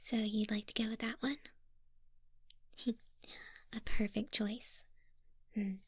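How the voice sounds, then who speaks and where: A woman voicing a gentle female Leafeon who runs a flower shop, speaking in a soft, soothing whisper for an ASMR roleplay. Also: on the high side, fairly even intonation, slightly rough, no echo. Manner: soothing, unhurried shopkeeper talk. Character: gentle female Leafeon florist, calm and helpful.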